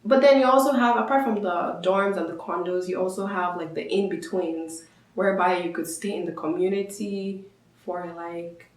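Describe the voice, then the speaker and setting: A young woman from Nigeria talks through practical student advice in a chatty, upbeat vlog. Her voice sits a little low for a woman. It is recorded on a camera mic in an echoey room. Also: fairly even intonation, normal speed. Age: young adult. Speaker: vlogger, international student.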